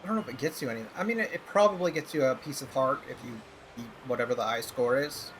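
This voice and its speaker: A man's voice: mid-range voice, quick pace, fairly bright tone, a little hiss or hum. Rambling man streaming over game music. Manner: rambling, self-deprecating. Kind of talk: casual gaming commentary.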